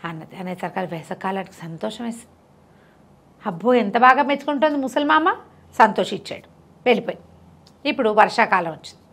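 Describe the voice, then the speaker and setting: A woman storyteller telling a folk tale in a lively, chatty way, with asides to her listener. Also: mid-range voice, brisk, creaky, long pauses.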